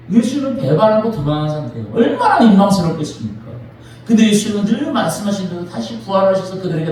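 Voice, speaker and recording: A pastor preaching in a lively, sing-song voice that leaps up and down, high for a man, with a mellow tone. The sermon echoes heavily through the church, picked up from afar with faint room noise. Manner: animated, dramatic storytelling. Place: church sanctuary. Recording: echoey church from a distant mic.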